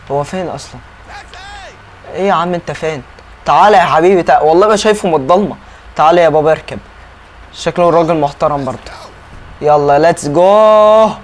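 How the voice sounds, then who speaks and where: A young man with an Egyptian Arabic accent giving chatty, joking gameplay commentary to his viewers, bursting into mock outrage now and then. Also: high-pitched. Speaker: gaming YouTuber.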